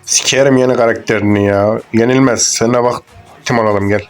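This gaming YouTuber is a young man with a medium-pitched, fairly even voice, talking briskly over faint background music. He rambles and swears through crude, joking commentary while he plays.

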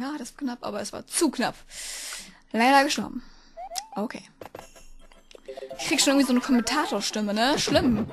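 A young woman chatting casually while playing a video game, rambling and breaking into frustrated outbursts. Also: high-pitched. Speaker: let's player. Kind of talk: casual gameplay commentary. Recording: game music playing behind the voice.

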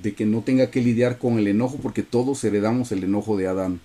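Man, Bible study teacher on a video call. Mellow, earnest, calls listeners brothers. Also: fairly low pitch, steady tone, fast.

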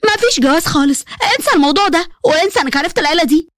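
A woman voicing an angry, scolding middle-aged mother in an animated story, with an Egyptian accent. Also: very high voice, very fast, dry recording, studio quality. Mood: furious. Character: furious middle-aged mother, nervous and shouting.

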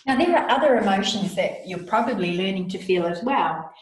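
Gentle woman in a very echoey room. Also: medium pitch, expressive, a little fast, a little hiss or hum. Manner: soft, encouraging, coaxing; breathy audible sighs during breathing exercises. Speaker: children's yoga teacher. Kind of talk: gentle guided yoga lesson for children.

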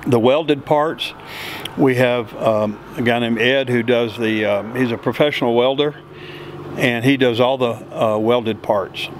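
A middle-aged aircraft builder and pilot speaks a little slowly in a mid-range voice, giving plain, step-by-step interview answers with lots of fillers. The interviewer records him on a handheld mic in an open hangar, and there's a little hiss or hum.

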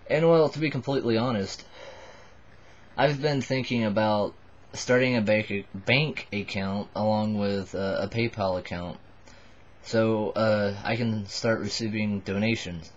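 A man in his twenties, a little drunk, giving a halting, rambling, casual confessional to the camera. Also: on the low side, steady tone. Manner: tipsy, buzzed, halting and rambling. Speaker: vlogger addressing subscribers. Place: small wood-panelled bedroom indoors. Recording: dull lo-fi webcam audio.

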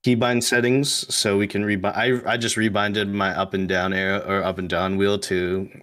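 A man's voice: lowish voice, level tone, normal speed, fairly bright tone. A man chatting casually and commenting as he streams a video game. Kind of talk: casual gaming chat and commentary.

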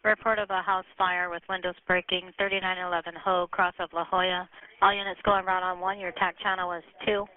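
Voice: mid-range voice, little pitch movement, a little fast, narrow, tinny audio. A fire dispatcher making formal, clipped, procedural announcements over a two-way radio.

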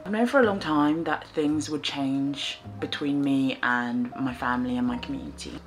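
Brief: woman in her 20s, low voice, quiet and reflective, casual vlog chat with faint music in the background. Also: moderate pace. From England. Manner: soft-spoken, reflective, low-key. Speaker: fibre artist and vlogger. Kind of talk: casual chat to camera while knitting. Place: small living room, indoors, on a sofa.

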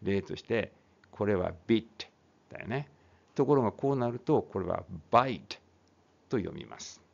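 A man's voice: fairly low pitch, expressive, normal speed, vocal fry, dark tone. A man teaching English phonics, reading a text aloud and then explaining it casually, often correcting himself. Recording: dull lo-fi recording.

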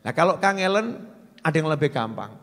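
High-voiced preacher in a reverberant hall. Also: male voice, a little fast. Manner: lively, teasing, swings between loud emphasis and low asides. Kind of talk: sermon.

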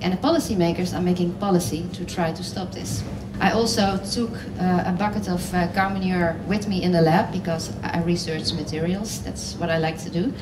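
A woman speaks on a panel in a large hall, her fairly low voice carrying with a roomy echo. She talks earnestly and pauses with fillers, picked up from a distance with audible background noise. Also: fairly even intonation. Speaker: panellist designer. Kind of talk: panel talk on stage. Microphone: headset.

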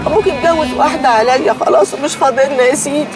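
A woman's voice: high voice, very fast, lightly acted, rough recording. An actress with an Egyptian accent playing a weary, complaining middle-aged mother left by her husband. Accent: Egyptian Arabic. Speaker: mother selling goods near a mosque. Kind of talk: Egyptian TV drama acting. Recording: loud music under the scene.

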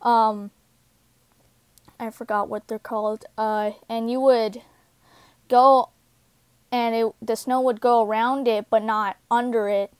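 Halting young woman telling a story. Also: a little high, steady tone, clean tone, dry recording. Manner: halting, many fillers and restarts. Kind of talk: casual personal story.

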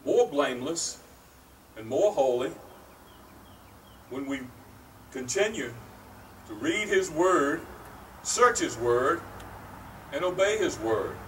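A middle-aged man preaching a sermon at an outdoor pulpit beside a brick church, speaking slowly and earnestly with pauses, picked up by a distant camera microphone. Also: a little high, very animated. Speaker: pastor. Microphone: far camera, at a wooden pulpit. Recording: distant outdoor mic, faint noise.

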